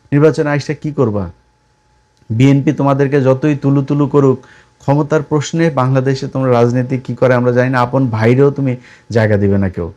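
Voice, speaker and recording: A man's voice: mid-range voice, darkish tone. A middle-aged man giving a live political commentary monologue, scolding and mocking his opponents as he addresses them directly. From Bangladesh.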